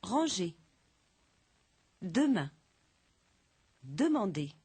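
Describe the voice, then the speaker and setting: A woman reading French lesson sentences in a plain, even way, in a dry studio recording. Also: fairly low pitch, very slow. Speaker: language course speaker. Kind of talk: read example sentences for a lesson.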